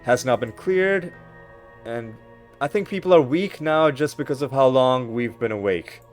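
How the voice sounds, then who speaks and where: A man's voice: mid-range voice, lively intonation, unhurried, faint music behind. Man with wry, rambling gameplay commentary. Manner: wry, rambling, self-correcting asides. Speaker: let's play host.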